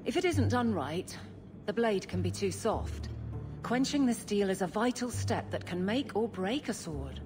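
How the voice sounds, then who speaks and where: An actress playing a brisk, commanding female guard captain who is awkward about romance, in a video game. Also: medium pitch, lively intonation, music in the background, lightly acted. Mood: instructive. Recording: game audio with faint ambient noise.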